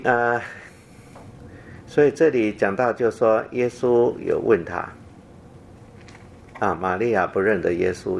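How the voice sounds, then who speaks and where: A man with a fairly low voice gives a Bible teaching sermon. He talks haltingly, with fillers and repeated phrases. When he reads the scripture quotes, he drops to a softer voice. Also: gravelly, slight background noise. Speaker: preacher.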